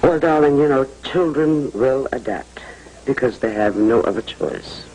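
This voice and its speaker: A man's voice: medium pitch, unhurried, warm tone, natural voice, poor audio. An actor in a 1980s TV soap playing a fatherly man who talks in a soothing, affectionate way. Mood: reassuring. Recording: old TV recording with faint hiss.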